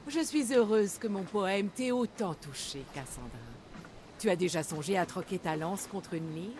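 An actress playing an older, proud poetess in a video game, declaiming theatrically like a stage performer. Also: female voice, lowish voice, lively intonation, moderate pace, darkish tone, slight background noise, natural voice. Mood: pleased. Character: grey-haired old poetess, proud, theatrical, fond of her art. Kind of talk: video game character acting in French dub.

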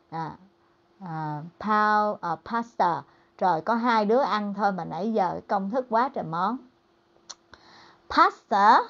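A woman English teacher giving a bilingual lesson. She reads dialogue lines slowly and clearly, then explains them in a chatty tone. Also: medium pitch, lo-fi sound.

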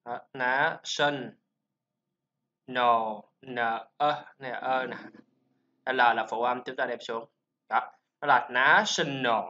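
A man with a Vietnamese accent teaching English pronunciation, drilling sounds and syllables slowly with chatty asides. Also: mid-range voice, sharp tone. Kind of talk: informal pronunciation lesson. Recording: slightly dull lo-fi sound.

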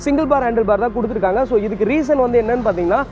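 A young man from Tamil Nadu reviewing a motorcycle to the camera outdoors by a roadside, explaining quickly. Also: very high-pitched, lo-fi sound, slight background noise. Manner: rapid explanatory talk, standing by a motorbike.

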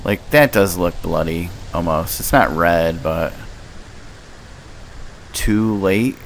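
A man's voice: sits low, unhurried, vocal fry, a bit bright, slight background noise, low-quality recording. A man giving casual let's play commentary, thinking aloud in short, muttered fragments.

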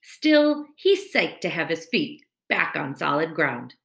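A deep, creaky, slow voice belongs to a woman in her thirties who reads a children's book aloud expressively, the way a teacher talks to small children. She records at home into a computer mic at webcam distance for a screen-captured webcam video, and the room adds a roomy echo.

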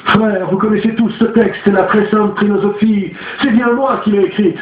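A man doing a shrill outraged occultist. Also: steady tone, normal speed, faint music behind, lightly acted. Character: indignant man, agitated occultist brother. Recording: tinny lo-fi, roomy echo.

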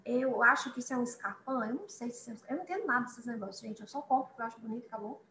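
A woman teaching a beginners' online English lesson, chatty, repeating each word slowly for her students. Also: on the high side, sharp tone, reverberant, slight background noise, low-quality recording.

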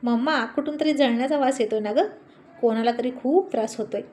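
A woman's voice: sits high, a little fast, darkish tone, natural voice. A woman reading a story voices a cheeky young adult son who teases his sister, with faint noise behind. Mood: teasing. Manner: teasing, mocking.

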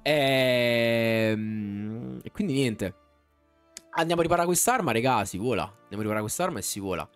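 Chatting to his viewers while he plays, a male streamer gives casual, slangy, animated live commentary. His voice is smooth and medium-pitched at a normal speed, and faint music plays in the background.

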